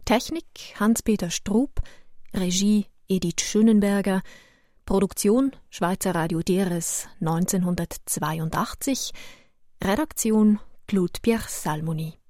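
A woman radio announcer reading credits and notes in a slow, formal manner. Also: medium pitch, mellow, dry recording, studio quality. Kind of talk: scripted announcement.

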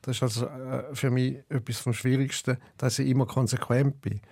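A poet with a St. Gallen Swiss German accent, talking thoughtfully in an interview and hesitating often. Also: male voice, mid-range voice, flat delivery, moderate pace, darkish tone, slightly rough, dry recording, studio quality. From eastern Switzerland. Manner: rhythmic, chanting recitation when reading poems. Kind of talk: interview and poetry reading.

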